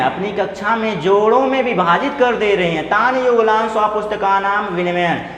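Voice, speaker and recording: A male teacher running an exam-prep lesson, reading out Sanskrit questions and explaining each in Hindi, repeating every point, with light teasing asides. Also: high voice. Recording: echoey room with long reverb, faint noise.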